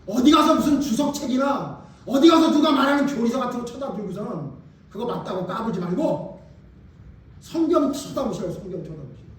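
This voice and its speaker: A male pastor preaching with fervour, his voice unusually high, rising to shouts and dropping to near murmurs. He sounds a little distant from the microphone, and a large church hall throws heavy echo around every phrase. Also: animated, normal speed. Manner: impassioned, swings between shouting and hushed asides. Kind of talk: sermon. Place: church sanctuary. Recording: very echoey hall, voice heard from a distance.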